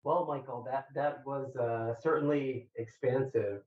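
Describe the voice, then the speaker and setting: Guy examiner on tinny far-off echoey line, halting but collegial, giving technical feedback and questions. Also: mid-range voice, steady tone, slight background noise. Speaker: examiner questioning a thesis candidate. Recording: very echoey, distant, phone-like remote audio.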